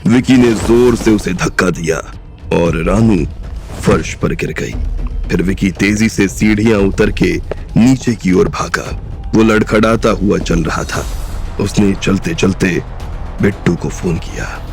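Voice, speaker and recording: An audiobook narrator with a very low, gravelly voice reads a crime drama slowly and deliberately, keeping his delivery steady and even. Faint music plays underneath.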